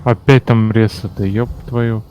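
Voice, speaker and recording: A man's voice: fairly low pitch, little pitch movement, normal speed, muffled recording, slight background noise. A young man chatting casually while gaming, slangy and given to swearing. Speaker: gaming companion on a stream.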